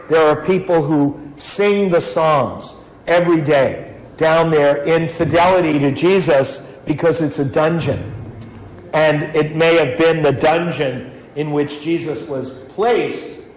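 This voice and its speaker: Slow, thoughtful pastor from New York. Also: male voice, fairly high pitch. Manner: slow, thoughtful, with frequent fillers and restarts. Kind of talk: Bible study talk. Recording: echoey room with faint noise.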